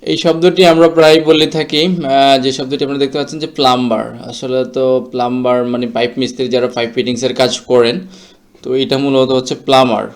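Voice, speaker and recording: A man teaching English word pronunciation in a slow, explanatory way, mixing English words into his talk. English is not his first language; his first language is Bengali. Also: medium pitch, flat delivery. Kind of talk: explanatory lesson.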